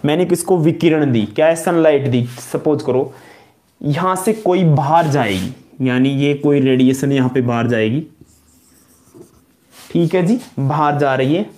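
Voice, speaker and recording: Rajasthani-accented male lecturer, higher voice, drilling terms by repetition, classroom at the board. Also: measured pace, darkish tone. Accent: Rajasthani-tinged Hindi. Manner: repetitive call-and-response questioning, calls students "beta". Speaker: college chemistry lecturer.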